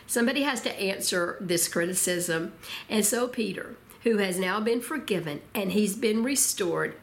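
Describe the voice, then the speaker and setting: A woman delivering a sermon at a middle pitch. She teaches with expression and slows down on key words to stress them. She often turns to her listeners with rhetorical questions. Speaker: Bible teacher.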